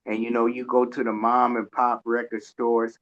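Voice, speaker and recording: In a mid-range monotone at normal speed, a male radio co-host chats casually and rambles through folksy anecdotes in a conversational interview. The audio is dull and lo-fi.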